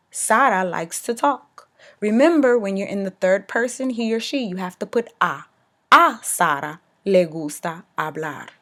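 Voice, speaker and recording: Give me a young woman teacher explaining a lesson in a clear, upbeat way. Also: fairly high pitch. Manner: upbeat, clear explanations with frequent okay checks. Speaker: Spanish teacher. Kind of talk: recorded classroom lesson.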